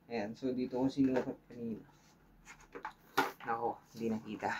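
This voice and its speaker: A man with a Filipino accent runs a casual hands-on tutorial, thinking out loud and checking in with his viewers. His mid-range voice is flat and moves at a normal speed. The audio sounds dull, with heavy background noise.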